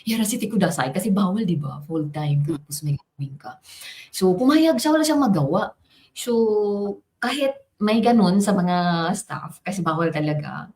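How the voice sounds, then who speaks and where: Animated woman telling her life story. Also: lowish voice, normal speed. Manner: animated, switching between Tagalog, English and Japanese. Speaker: business coach. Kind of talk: personal testimony, casual storytelling.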